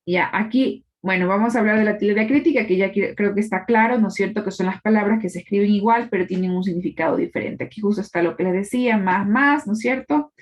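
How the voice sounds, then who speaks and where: A woman's voice: mid-range voice, fast talker, hardly any pauses. A woman teacher giving a live online class, explaining patiently and often checking in with her students. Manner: explanatory, checks in with tag questions.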